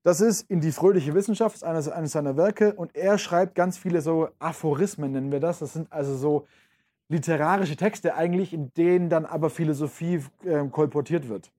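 A man's voice: fairly high pitch, moderate pace, warm tone. A man giving an informal lecture, talking casually to his listeners with many fillers.

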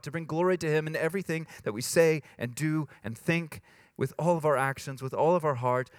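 A man giving a sermon. He drops low and hushed, then rises to high emphatic lines, and puts on a whiny voice to quote complaints. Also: dry recording, clean studio sound. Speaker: pastor.

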